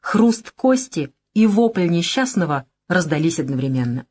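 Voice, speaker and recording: A woman narrating an action audiobook in a steady, matter-of-fact reading. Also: lowish voice, a little slow, husky. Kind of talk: scripted narration.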